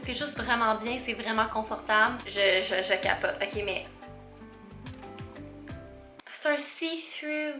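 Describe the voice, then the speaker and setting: A young Québécois woman gushes and exclaims as she opens packages, her voice high and bright. The sound is roomy and echoey, with a little music underneath. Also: slow pace, long pauses. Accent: Québécois French. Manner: gushing, excitable, exclamatory. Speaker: vlogger. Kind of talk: unboxing chat to camera. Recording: roomy echo with faint music.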